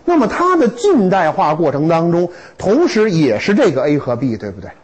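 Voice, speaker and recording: Husky, animated male lecturer. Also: on the high side, normal speed, rough recording. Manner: animated, humorous storytelling with rhetorical questions. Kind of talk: lively classroom lecture. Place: lecture hall with students.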